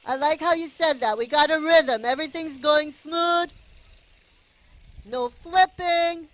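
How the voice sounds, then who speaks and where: A woman's voice: high-pitched, normal speed, fairly bright tone. A woman doing casual play-by-play commentary at a go-kart race, chatty and cheering the drivers on. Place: outdoor go-kart race track.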